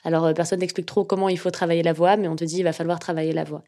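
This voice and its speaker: A young woman, a journalist, telling her own story in a relaxed, hesitant way, with a slightly nasal voice and many fillers. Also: lowish voice, rapid-fire. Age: young adult. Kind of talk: casual personal storytelling.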